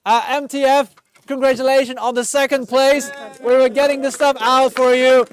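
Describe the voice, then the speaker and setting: A man hosting a live-streamed award ceremony, yelling excitedly as he announces winners and prizes and losing his voice. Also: very high-pitched, normal speed. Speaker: event host announcing prizes.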